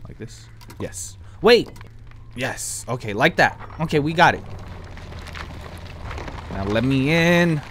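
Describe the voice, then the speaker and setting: A man's voice: mid-range voice, lively intonation, slow, pauses often, a bit bright, a little hiss or hum. A young man giving casual, reactive let's play commentary into a headset, full of exclamations. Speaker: gaming streamer. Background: video game sounds.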